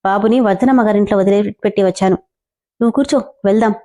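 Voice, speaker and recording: A woman's voice: medium pitch, fast talker, mellow, natural voice. A woman narrator voicing a bold young heroine who answers sharply and defiantly. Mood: brushing off.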